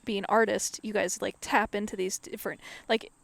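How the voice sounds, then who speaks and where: A woman's voice: medium pitch, little pitch movement, moderate pace, gravelly, no echo. A woman co-hosting a podcast, chatting casually and musing in a rambling way. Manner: musing, rambling with many likes. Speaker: podcast co-host. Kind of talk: casual chat.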